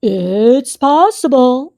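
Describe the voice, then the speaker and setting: A woman voicing a gruff, grumpy male bear in a storybook reading, slow and pompously formal. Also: sits high, lively intonation, mellow, full character voice. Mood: grand.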